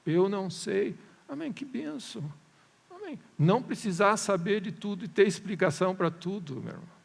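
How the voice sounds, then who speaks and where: Pastor, male, slightly high and gravelly, animated sermon delivery, long church-hall reverb. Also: a little fast. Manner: animated preaching, rhetorical questions, mimics doubters. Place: church service.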